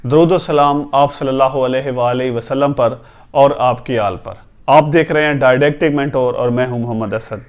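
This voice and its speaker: A young man teaching pronunciation in an instructional lesson. He spells words out letter by letter and repeats them slowly and patiently to correct common mistakes. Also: mid-range voice, steady tone. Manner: patient, corrective, often says "theek hai".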